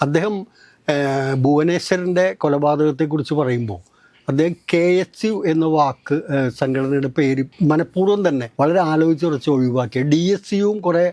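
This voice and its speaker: Measured explaining man, dry close sound. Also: a little high, dark tone, no room sound. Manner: measured and explanatory, with long recounting turns. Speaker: host of political discussion. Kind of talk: political analysis talk.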